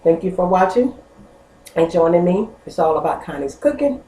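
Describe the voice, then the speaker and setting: A woman's voice: fairly low pitch, lively intonation, normal speed, warm tone. A woman hosting a home cooking vlog, chatting straight to her viewers and humming as she tastes her food. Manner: chatty, talks straight to viewers, hums while tasting. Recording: echoey room with faint ambience.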